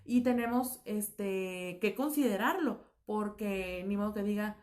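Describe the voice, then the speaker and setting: A woman's voice: mid-range voice, a little slow, darkish tone. A woman teaching a recorded lesson, explaining patiently with fillers and self-corrections. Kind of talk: recorded class lecture.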